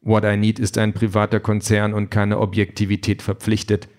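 A composed, literal android politician, read by a man in an audiobook. The voice sits low and speaks in flat, even statements. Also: fairly quick, close to an everyday voice. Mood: calm. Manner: flat, matter-of-fact delivery.

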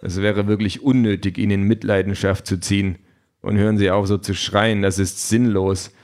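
A man voicing a cold, pompous villain who talks calmly and condescendingly, in a low voice. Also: moderate pace, natural voice. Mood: irritated. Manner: calm, fussy, condescending.

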